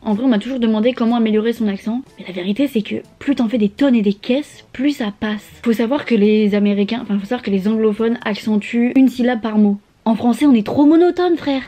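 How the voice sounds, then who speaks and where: Brief: young French woman, casual slangy vlog, mellow tone, a bit higher voice, faint music behind. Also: fairly quick, hardly any pauses. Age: young adult. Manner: slangy, swearing, playful asides. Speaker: au pair vlogger. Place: bedroom, sprawled on her bed.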